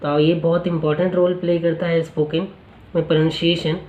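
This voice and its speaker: A male teacher explaining a spoken-English lesson in Hindi, asking the class rhetorical questions and repeating each word slowly for pronunciation practice. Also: on the high side, flat delivery, a little mellow, roomy sound, low-quality recording.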